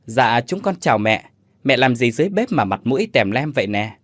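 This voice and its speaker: A polite, caring young woman insists on helping her mother-in-law, as a male narrator voices her. The reader barely changes his own voice, and his pitch moves lively through the lines. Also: a little fast, no room sound, studio quality.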